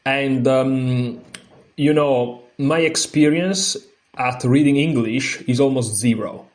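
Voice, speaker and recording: This is a chess channel host with an Italian accent, not a native speaker, whose mid-range voice has a somewhat dark tone. During the lesson he reads a book aloud haltingly, filling pauses and restarting, then explains things more freely.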